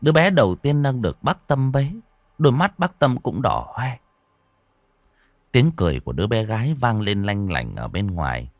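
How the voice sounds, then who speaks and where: A man's voice: fairly low pitch, big pitch swings, normal speed, dry recording. A man narrating a ghost story with a dramatic, varied delivery.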